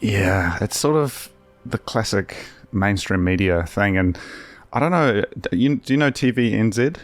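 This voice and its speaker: A man hosting a podcast, talking in a relaxed, rambling way with casual swearing. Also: on the low side, measured pace. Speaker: podcast host. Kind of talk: casual conversational interview.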